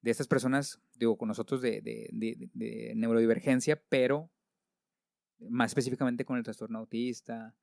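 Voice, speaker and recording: A man's voice: mid-range voice, steady tone, moderate pace, creaky, a little mellow, dry recording, clean studio sound. Chatty Mexican man hosting a talk. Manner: chatty, informal, jumps in with questions. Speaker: podcast host, teacher. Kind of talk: casual conversational interview.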